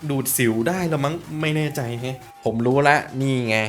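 A man giving animated, jokey commentary while playing a VR game, often addressing his viewers. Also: mid-range voice, moderate pace, faint music behind. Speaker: gaming YouTuber. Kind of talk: playful VR gameplay commentary.

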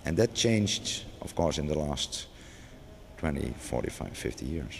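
A gravelly, rumbling low voice, very animated and a little slow, comes from a middle-aged museum curator improvising an interview in a large gallery. He falters with plenty of restarts and fillers, and the recording has long reverb plus faint background noise.

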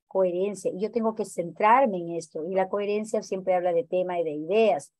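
A woman's voice: lowish voice, brisk, a little mellow, no room sound. Woman teaching an online class, dry sound. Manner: questioning, explanatory, many fillers.

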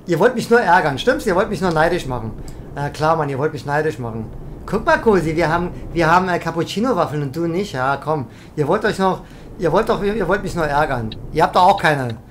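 A woman's voice: deep voice, expressive, brisk, a little hiss or hum. Chatty woman streamer teasing her chat. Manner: chatty, teasing viewers, mock-indignant. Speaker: gaming streamer. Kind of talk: live game commentary reading chat.

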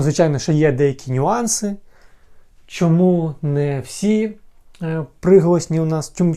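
A man, an English teacher, explaining a grammar lesson patiently, repeating example words slowly and talking to viewers as friends. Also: on the high side, dark tone.

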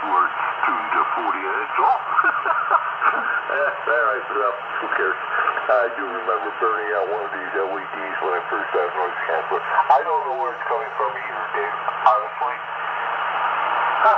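A man chatting casually on an amateur radio band, rambling and a little profane. He is heard through a shortwave receiver. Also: lowish voice. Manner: rambling, chuckling, mildly profane. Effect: heard over a shortwave receiver, dull under heavy static. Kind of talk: casual on-air chat. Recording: dull radio reception with loud static.

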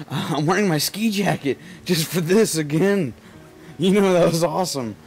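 A man's voice: fairly high pitch, a little slow, a little mellow, faint music behind. Joking young man with a lisp. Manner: rambling, joking, laughs at the game. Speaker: let's play commentator. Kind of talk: casual gameplay commentary.

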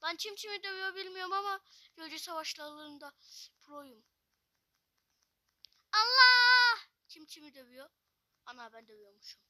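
A woman giving excitable, swearing commentary while playing a mobile fighting game, trash-talking her opponent. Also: sits high, dry recording. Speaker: gamer.

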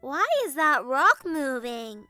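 Tiny cheerful kitten girl, cartoon, super high bright baby voice. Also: animated, takes it slowly, no echo, soft background music, heavily acted. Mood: curious. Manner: childlike, wide-eyed.

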